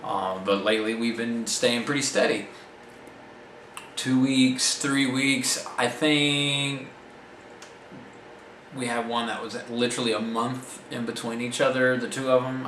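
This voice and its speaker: A man's voice: medium pitch, fairly even intonation, normal speed, fairly bright tone. A man, an independent filmmaker, giving a casual vlog update in a rambling, self-correcting, plain-spoken way, recorded indoors on the camera's built-in mic. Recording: echoey room mic from a distance with noise.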